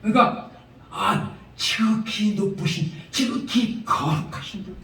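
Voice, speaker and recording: A man's voice: high voice, unhurried, bright, forceful tone. A man preaching a revival sermon as a pastor, telling humorous stories with chuckles and emphatic repetition. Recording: echoey prayer-house hall from far off.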